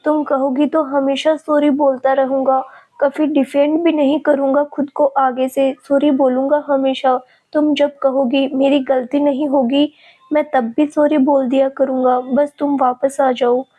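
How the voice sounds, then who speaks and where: A woman's voice: high voice, flat delivery, a little slow, phone-quality sound. A woman voicing a remorseful young man who pleads tearfully with the woman he loves.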